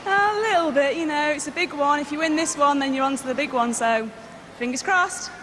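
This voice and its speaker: Cheerful relaxed woman contestant, high voice, reverberant noisy arena. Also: brisk. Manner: cheerful, relaxed, trailing off softer. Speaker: game show contestant. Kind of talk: short interview answers. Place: large indoor arena.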